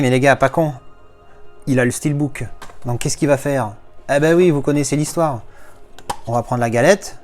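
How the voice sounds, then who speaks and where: Chatty French-speaking man unboxing discs. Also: medium pitch. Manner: chatty, rambling, playful asides. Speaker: YouTuber unboxing movie discs. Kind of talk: casual unboxing chat.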